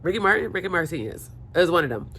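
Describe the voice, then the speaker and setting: Rapid-fire and sing-song, a woman with a fairly low, fairly bright voice vlogs casually into her phone at home. She's hungover and stuffy, chatty and self-mocking as she rambles near the windows, with the phone held or propped and a little hiss or hum present.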